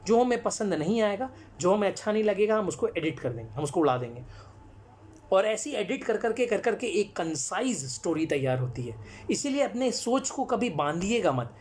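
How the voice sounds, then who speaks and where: A man's voice: sits high, sing-song, normal speed, a little mellow, a little hiss or hum. A man, a storyteller and actor, speaks as the guest on a live-stream talk. He explains his craft earnestly and answers viewers' comments, slipping English phrases in among his sentences.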